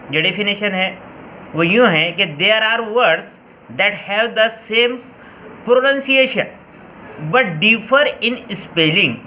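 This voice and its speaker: An Indian male school teacher talks through an English vocabulary lesson, repeating each point and spelling words out letter by letter. His voice sits a little high and sounds bright and forceful. A faint ambience hums behind him. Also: a little hiss or hum, poor audio.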